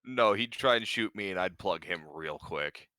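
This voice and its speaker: A man's voice: deep voice, animated, normal speed, bright, forceful tone, clear, resonant tone, no echo. A man player in a tabletop game, blunt and a bit lecturing. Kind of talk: tabletop role-play chat.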